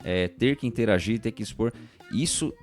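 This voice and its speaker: Low-voiced Brazilian podcast host. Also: male voice, normal speed, soft background music. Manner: reflective, summarizing, constant tag questions. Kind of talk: casual interview conversation.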